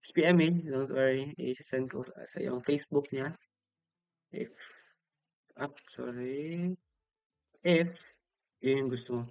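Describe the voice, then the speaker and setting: A man's voice: mid-range voice, measured pace, creaky, long pauses, darkish tone, clear, resonant tone, no echo. A young man with a Filipino accent, casually answering viewer comments on a livestream, apologetic and chatty as he switches between English and Tagalog. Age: young adult.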